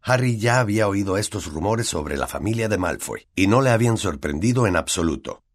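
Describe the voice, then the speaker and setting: Expressive Latin American Spanish male narrator. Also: fairly low pitch, fairly quick. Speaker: audiobook narrator. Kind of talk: scripted narration.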